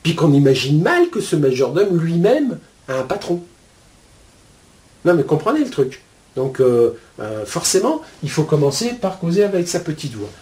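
Guy rambling through a spiritual lesson, super casual, says hein a lot, mellow voice that bounces around in pitch. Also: very animated, moderate pace. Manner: colloquial, full of "hein" and "euh" fillers; chatty, explains with homely metaphors. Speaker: spiritual teacher. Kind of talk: casual spoken teaching to viewers.

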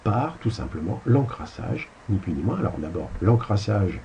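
A man's voice: on the low side, big pitch swings, moderate pace, gravelly, dark tone, highs cut off, a little hiss or hum. A man giving a casual spiritual lecture over slides, rambling and colloquial, with crude asides. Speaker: spiritual teacher.

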